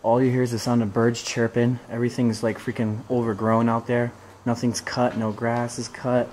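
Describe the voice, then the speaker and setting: A young urban explorer walks through a large abandoned resort indoors, chatting into a handheld camera and speculating about what every room once held, easily impressed. His mid-range voice is level and darkish, moving at a moderate pace. The low-quality recording carries a little hiss or hum.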